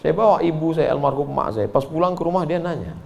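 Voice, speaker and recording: Speaking quickly with vocal fry, a high-voiced man preaches a sermon full of stories. He acts out the voices of the people he describes in an animated storytelling style.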